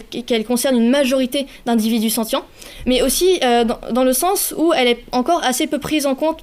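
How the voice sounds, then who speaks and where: A young woman gives a conference talk and quizzes the audience now and then. Her voice sits a little high, and her delivery is halting, full of restarts and small self-corrections. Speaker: conference speaker for a youth association.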